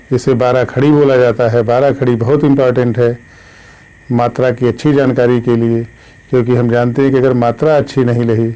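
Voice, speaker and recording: A man teaching an online English grammar lesson, slowly dictating letters and spellings and addressing his viewers as friends. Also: mid-range voice, mellow, poor audio. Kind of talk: classroom-style online lesson.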